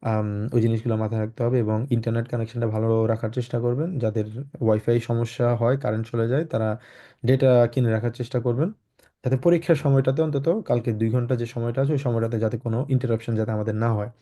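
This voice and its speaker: A man's voice: mid-range voice, fairly even intonation, warm tone. A man teaches a German class online, talking loosely with many fillers. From Bangladesh. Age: 20s. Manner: slow, clearly spaced model sentences. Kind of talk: online lecture to students.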